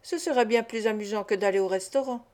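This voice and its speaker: Woman reader doing a warm, playful young Parisienne; affectionate, teasing, audiobook. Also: medium pitch, fast, natural voice. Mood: tender.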